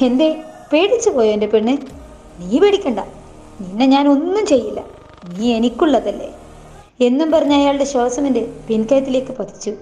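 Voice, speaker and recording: A woman reading a novel aloud in the first person, voicing every part herself in a plain, unhurried way. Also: high voice, dark tone, a little hiss or hum. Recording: dull lo-fi voice with faint music.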